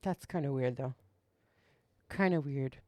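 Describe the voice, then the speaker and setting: A woman's voice: rumbling low, measured pace, warm tone, no room sound. A woman giving casual, off-the-cuff reaction commentary, skeptical and often repeating her points. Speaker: reaction video host.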